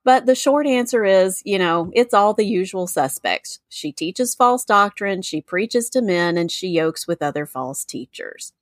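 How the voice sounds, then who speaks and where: A woman co-hosting a podcast, talking in a measured, earnest way and laughing easily. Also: mid-range voice, expressive, no room sound, clean studio sound. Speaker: podcast co-host. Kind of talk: podcast talk and Bible teaching.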